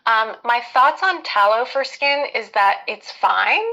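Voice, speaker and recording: A woman's voice: a little high, animated, unhurried, bright, forceful tone, low-quality recording. A woman hosting a casual live skincare Q&A, giving advice in a conversational, hesitant way as she thinks aloud.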